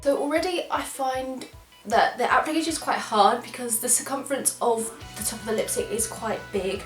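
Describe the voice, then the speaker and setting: This English beauty vlogger is young and audibly stuffed up with a cold, yet stays chatty and excited during a casual product try-on, with apologetic asides. She speaks at normal speed in a fairly high voice. The room sounds spacious, and soft music plays behind her.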